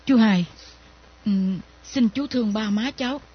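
Young daughter, gentle and plaintive: high voice, lo-fi sound. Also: female voice, a little slow, slightly rough. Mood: pleading. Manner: begging, plaintive. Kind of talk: radio drama acting. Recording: dull lo-fi recording with faint music.

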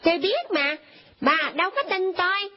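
An actress playing a sharp-tongued little village boy who talks back. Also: very high voice, very animated, moderate pace. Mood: cheeky. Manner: talks back, smart-alecky. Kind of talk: comedy skit acting. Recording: dull lo-fi recording.

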